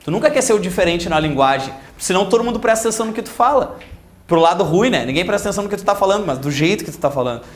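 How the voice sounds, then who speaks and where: A high-pitched man with a Gaúcho accent gives an animated classroom grammar lesson. He keeps asking his students questions and acts out other people's voices. The sound is echoey, as if recorded in a reflective room. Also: very fast. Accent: Gaúcho Portuguese. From Rio Grande do Sul, Brazil. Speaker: Portuguese grammar teacher. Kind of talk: lively classroom lecture with anecdotes.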